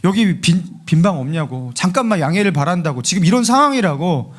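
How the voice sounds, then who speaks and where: A frantic young husband begs strangers for a room, his voice urgent and pleading, as a preacher acts him out. The tone sits high for a man. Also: sing-song, brisk.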